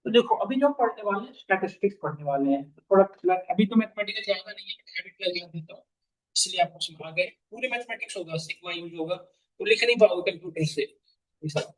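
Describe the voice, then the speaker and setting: High-voiced Hindi-speaking male teacher. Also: a little fast, low-quality recording. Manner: mixes Hindi with English phrases, repeats key lines while dictating. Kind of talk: classroom lecture. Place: classroom with online students.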